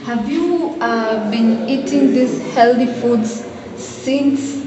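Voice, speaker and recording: A woman's voice: a little high, slow pace. A woman co-hosting a vlog, eagerly asking follow-up questions. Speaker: vlog co-host. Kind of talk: casual interview. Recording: distant, echoey, dull, crowd behind.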